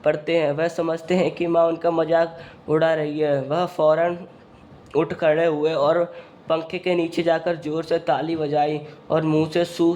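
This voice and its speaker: Flat-voiced man explaining a lesson. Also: a little high, slight background noise. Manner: reads a passage then retells it, saying "matlab" often. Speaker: teacher. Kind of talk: reading and explaining a textbook lesson.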